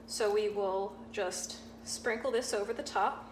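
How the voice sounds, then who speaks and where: A woman's voice: mid-range voice, a little slow. Woman chef teaching in an echoey kitchen. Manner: relaxed, explaining step by step with frequent ums. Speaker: sous chef. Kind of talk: cooking demonstration. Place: home-style kitchen, indoors. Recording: echoey kitchen with audible background noise.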